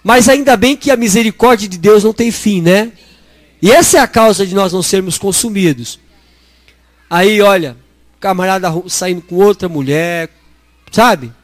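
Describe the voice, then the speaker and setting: Man, Brazilian accent, middle-aged, preacher, lively sermon, acts out dialogue, high pitch, dry sound. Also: moderate pace, dry recording. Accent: Brazilian Portuguese. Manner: animated, acts out dialogue, addresses congregation as brothers.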